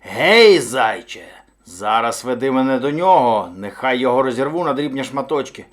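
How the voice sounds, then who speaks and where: In a storybook read-aloud, a man with a mid-range voice takes an unhurried pace while voicing a hungry, furious male bear. The bear roars and blusters with loud shouts throughout the tale.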